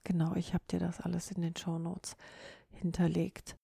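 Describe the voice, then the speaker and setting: A woman hosting a solo podcast. She speaks in a soft, breathy, instructive way. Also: lowish voice, monotone, normal speed, dry recording, clean studio sound. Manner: instructive, demonstrates word stress on example sentences. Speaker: podcast host.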